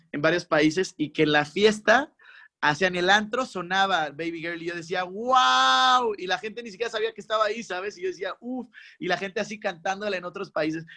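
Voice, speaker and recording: A young man with a Mexican accent, a musician guest in a casual interview, talking in an animated, slangy way and acting out his own reactions. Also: on the high side.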